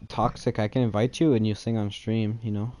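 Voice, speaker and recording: A man's voice: fairly low pitch, level tone, fairly quick, dark tone, a little hiss or hum. A man hosting a casual gaming stream, trading offhand, teasing banter with friends. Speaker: streamer and host.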